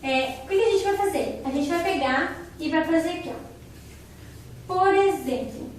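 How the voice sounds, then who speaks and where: High-voiced Brazilian teacher in an echoey room. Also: female voice, a little slow, a little hiss or hum. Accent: Brazilian Portuguese. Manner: patient, explanatory, often checks in with "né?" and "tá bom?". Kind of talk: remote lesson for children and parents. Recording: very echoey room, mic far away.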